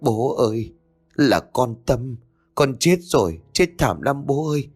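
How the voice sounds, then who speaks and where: A man voicing the ghost of a young man who weeps and pleads, reproaching his father in a raised, lively voice. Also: medium pitch, takes it slowly, breathy edge, faint music behind, voice pushed up, heavily acted. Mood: wailing. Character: wronged ghost of a young man, wailing and bitter.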